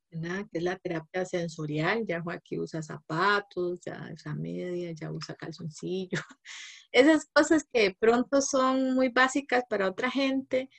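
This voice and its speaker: A woman's voice: medium pitch, gravelly. A woman with a Costa Rican accent, speaking as a parent in an interview. She talks casually and keeps tagging her sentences with "¿verdad?", often laughing between phrases. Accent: Costa Rican Spanish. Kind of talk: casual personal account.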